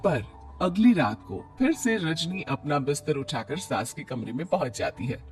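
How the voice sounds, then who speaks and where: A man narrating a cartoon story in a measured storytelling manner. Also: fairly high pitch, very animated, soft background music.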